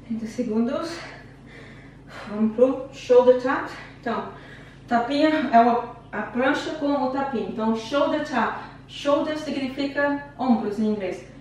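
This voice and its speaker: Out of breath from exercising, a Brazilian Portuguese-accented fitness instructor counts down reps in a home workout, staying chatty and encouraging. She speaks at a moderate pace in a high, darkish voice; recorded at home, the sound is very echoey with a distant mic and faint noise.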